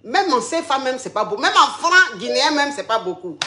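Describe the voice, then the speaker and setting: A woman's voice: high voice, big pitch swings, fairly quick, sharp tone, roomy sound, a little hiss or hum. A woman playing a comic advice coach on a phone-in, flamboyant and teasing, calling everyone darling. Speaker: comic agony-aunt coach.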